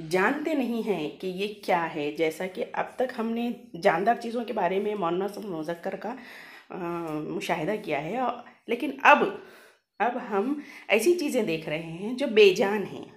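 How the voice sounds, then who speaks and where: A woman's voice: mid-range voice, darkish tone. Woman teacher reading word lists. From India. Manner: reads word lists slowly, then explains in brisk asides. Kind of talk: reading a grammar lesson to children.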